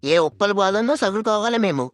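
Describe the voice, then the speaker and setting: A woman's voice: medium pitch, animated, fast, dry recording, soft background music, lightly acted. A woman voicing a hot-tempered, insulting young man in a cartoon. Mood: angry, insulting. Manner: shouting insults, blunt.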